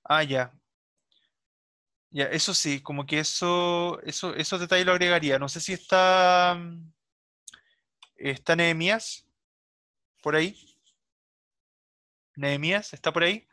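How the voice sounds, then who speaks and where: A man giving casual, halting feedback on students' stories in an online class, often checking in with "¿ya?". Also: a little high, bright, forceful tone, clean tone, dry recording, studio quality. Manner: casual, hesitant, repeats "¿ya?" often. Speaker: teacher.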